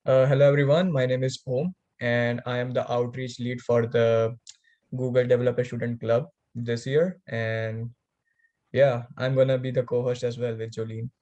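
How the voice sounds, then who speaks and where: A young man from India co-hosts a student podcast in a relaxed, chatty way. His voice sits at a middle pitch, and he peppers his talk with like and you know. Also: normal speed, lo-fi sound. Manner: animated, lots of "like" and "you know". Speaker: podcast co-host, student club outreach lead. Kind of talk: casual podcast chat.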